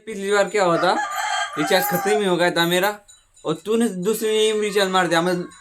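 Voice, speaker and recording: A young adult man vlogs his day at his village home and along the roadside outdoors, recorded on a handheld phone with background noise. His voice is high-pitched, fairly quick and fairly even in intonation. He chats casually, rambles, restarts his sentences often and keeps saying "matlab" and "guys."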